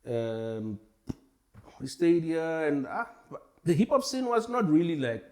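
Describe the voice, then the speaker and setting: A man's voice: on the high side, lively intonation, a little slow, a little mellow. A man in his forties from Tanzania, a hip hop artist chatting as a guest in a casual interview, laid-back and rambling. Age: 40s.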